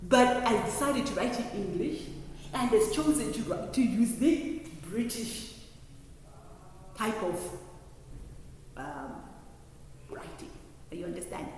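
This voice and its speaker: A woman giving a classroom lecture, explaining step by step and often pausing to check that students understand. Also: fairly high pitch, animated, a little mellow. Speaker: lecturer teaching trainee early childhood teachers. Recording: very echoey hall, distant mic, faint noise.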